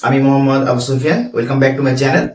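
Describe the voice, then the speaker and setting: Fast-talking young male tutor, echoey room. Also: mid-range voice, steady tone. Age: young adult. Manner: explains step by step, asks and answers his own questions, reads examples slowly. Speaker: English grammar teacher. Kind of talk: online exam-prep lesson. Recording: echoey room, a little far from the mic.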